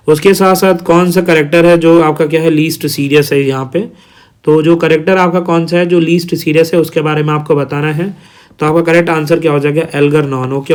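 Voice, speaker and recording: A man runs through exam multiple-choice questions as a tutor. His voice sits a little high, and he falls into a steady repeating pattern of listing options and announcing the answer. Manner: repetitive, reads options then announces answer. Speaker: teacher. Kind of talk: exam quiz walkthrough.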